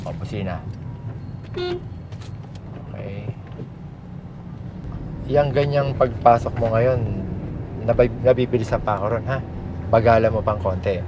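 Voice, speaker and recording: A man's voice: medium pitch, animated, slow pace, pauses often. A Filipino man coaching as a driving instructor inside a moving car, giving short commands and tag questions, with machine noise behind him. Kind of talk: hands-on coaching, casual instruction. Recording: muffled audio with loud car engine noise. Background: engine and vehicle noise.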